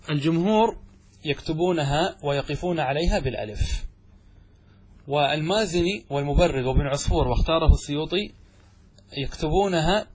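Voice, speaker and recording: A man teaching a grammar lesson in class, who asks the students questions and answers them himself and draws out his examples slowly. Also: fairly high pitch, husky. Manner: says examples slowly and drawn out.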